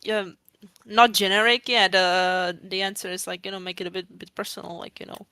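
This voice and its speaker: A woman's voice: mid-range voice, level tone, fairly quick, sharp tone, clean tone, no room sound. A woman chatting on a casual podcast, rambling and giggly, full of fillers. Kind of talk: casual chat.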